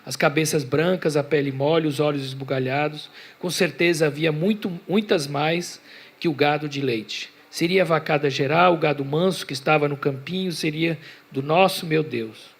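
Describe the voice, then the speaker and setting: Male author, higher voice, deliberate public reading of his own story. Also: breathy edge. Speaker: author on a festival panel. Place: literary festival panel before an audience.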